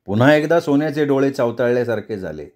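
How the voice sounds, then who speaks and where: A male storyteller reads a novel aloud in a measured, expressive way. His voice sits at an everyday middle pitch, steady through the narration.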